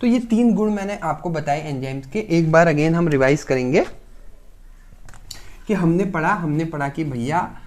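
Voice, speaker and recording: A man's voice: fairly high pitch, animated, normal speed, a little mellow. A man giving a pharmacy lecture. He explains each point with rhetorical questions, checks in often with "okay", and mixes English technical terms into his speech.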